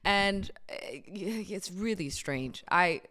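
A woman's voice: medium pitch, lively intonation, takes it slowly, bright, forceful tone. A woman co-hosting a podcast in casual chat, giggly and rambling with many restarts. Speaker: podcast co-host.

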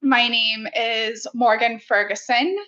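Slow-talking woman on a dull recording. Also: fairly high pitch, fairly even intonation, pushed and bright. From Massachusetts. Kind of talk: self-introduction.

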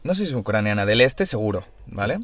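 A man's voice: on the low side, big pitch swings, fast, fairly bright tone. Emphatic young man chatting. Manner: emphatic, repeats "tío" and "te lo juro". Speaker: podcast co-host. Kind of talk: casual chat.

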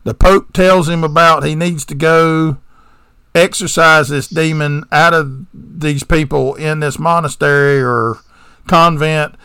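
A man's voice: fairly high pitch, steady tone, slow, bright, forceful tone, smooth, dry recording, studio quality. A man with a Southern American accent co-hosting a podcast, retelling a movie plot in casual chat with rambling digressions and sarcastic asides. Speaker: podcast co-host.

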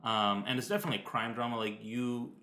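A young man co-hosts a casual podcast while sick with a cold, speaking fast in a medium-pitched voice with a steady, bright, forceful tone. His talk meanders and hesitates, full of ums. The room sounds echoey.

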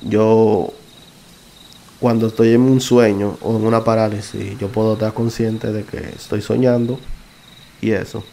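A man recounts his own experience in a relaxed, conversational way, pausing and correcting himself as he goes. His voice sits a little low and sounds soft and mellow. A faint noise stays in the background. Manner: halting, self-correcting, conversational. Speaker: podcast narrator. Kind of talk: casual first-person storytelling.

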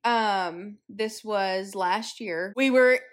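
A woman's voice: medium pitch, very slow. A young woman with a Missouri accent, a podcast co-host telling a story in casual chat. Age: young adult. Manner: storytelling, acts out others' lines.

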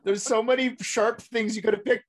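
A woman's voice: on the high side, steady tone, fairly quick. A woman co-host in a casual chat, wry and joking.

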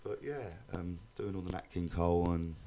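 Deep-voiced male radio guest, colloquial and rambling, faint noise behind him. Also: normal speed. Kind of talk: casual chat.

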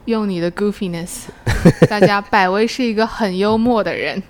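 A woman's voice: medium pitch, normal speed. A woman hosting a casual conversational discussion, asking questions and dropping English words into her Mandarin.

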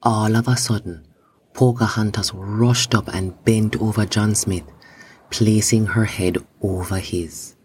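A man narrating a children's story in a slow, even storybook reading. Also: fairly low pitch, a little hiss or hum.

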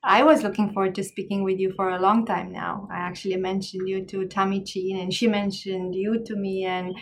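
A woman from Romania, a psychologist answering interview questions thoughtfully, pausing to find her words. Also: mid-range voice, level tone, slight background noise. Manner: thoughtful, searching for words, explanatory. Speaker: guest, psychologist and astrologer.

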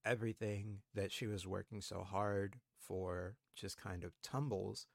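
In a laid-back podcast conversation, a male co-host in his twenties reflects aloud with plenty of filler words. His gravelly, lowish voice keeps a steady tone and an unhurried pace. There's no echo; it sounds like a proper studio.

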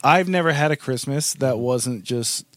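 A man's voice: mid-range voice, measured pace, no room sound. A man co-hosting a casual podcast, telling stories in a bro-like manner and acting out quotes. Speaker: podcast co-host.

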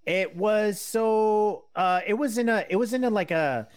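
A man in his thirties talking casually as a guest, rambling and halting with many fillers and restarts. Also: high-pitched, clean tone, no room sound. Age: 30s. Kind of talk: casual conversation.

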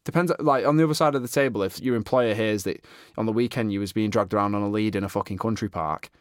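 A man's voice: fairly low pitch, fast talker, no echo, clean studio sound. A man, co-hosting a casual podcast, blunt and full of swearing. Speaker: podcast co-host.

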